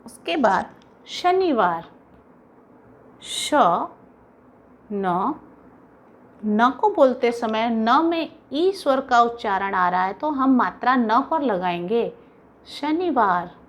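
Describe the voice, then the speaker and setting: A woman teacher slowly spelling out words sound by sound for young children, patient and instructive. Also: on the high side, big pitch swings. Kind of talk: slow, careful classroom dictation for young children.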